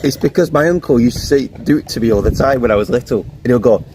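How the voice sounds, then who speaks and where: A man in a casual chat, telling stories in an animated way and laughing often. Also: mid-range voice, fast, noisy background. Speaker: interviewee.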